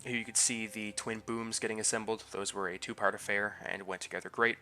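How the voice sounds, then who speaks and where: A scale model builder and channel host narrates his build in a casual voice-over, in a lowish, steady, sharp voice that runs a little fast. A head cold makes him sound a bit nasal and congested, and he talks loosely, with many fillers and restarts.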